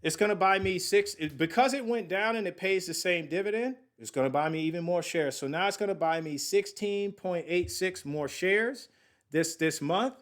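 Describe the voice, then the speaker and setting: A man's voice: high voice, normal speed. A man in his late thirties hosting a casual podcast about investing, talking to his listeners in a chatty, slangy way and working out sums aloud as he goes. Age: late 30s. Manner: slangy, addresses listeners as y'all. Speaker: podcast host.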